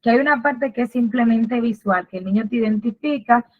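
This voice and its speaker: A woman gives a patient, explanatory webinar lecture, often posing a question and then answering it herself. Her voice sits a little high for a woman. The sound is thin and phone-like, as if it were coming through a video call. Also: a little fast. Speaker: literacy workshop presenter. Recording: tinny phone-like webinar audio.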